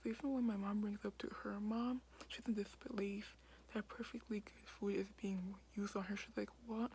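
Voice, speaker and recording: A young woman vlogging in a hushed whisper late at night in a basement, filling her talk with "like" and "um". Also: mid-range voice, fairly even intonation, normal speed, slight background noise. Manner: whispering quietly, many fillers like "like". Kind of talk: casual whispered vlog.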